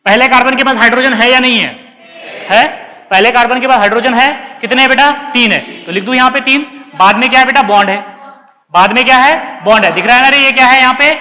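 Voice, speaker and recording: A man's voice: extremely high pitch, quick pace, pushed and bright, big-room sound. A man teaching chemistry to a class in with a slight lilt, asking questions and answering them himself, calling his students beta. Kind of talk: classroom lecture.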